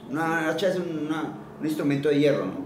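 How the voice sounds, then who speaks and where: A man's voice: fairly high pitch, quick pace. A man giving a teaching sermon who reads scripture aloud, quizzes his listeners and has them repeat lines after him. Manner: quizzes listeners and leads call-and-response repetition; reads scripture aloud, then explains it plainly. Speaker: preacher. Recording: roomy echo, voice from a distance, faint background noise.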